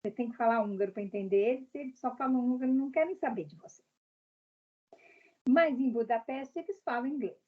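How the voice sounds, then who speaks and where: A woman's voice: high-pitched, quick pace, narrow, tinny audio. A woman from Brazil, a guest in a casual interview, speaking directly and explaining her views with examples.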